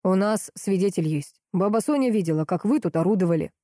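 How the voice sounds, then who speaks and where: A woman's voice: mid-range voice, lively intonation, brisk, dark tone, dry recording, studio quality, lightly acted. A woman reading an ironic police colonel. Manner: ironic and businesslike. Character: dry, mocking middle-aged police colonel.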